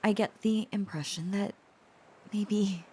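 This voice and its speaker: Earnest and devoted, a woman performs a tender young girlfriend of dragon descent in an intimate roleplay audio drama, lightly and softly acted. She speaks slowly and hesitantly in a steady, medium-pitched, breathy voice that often drops to a whisper, with a little hiss or hum in the recording.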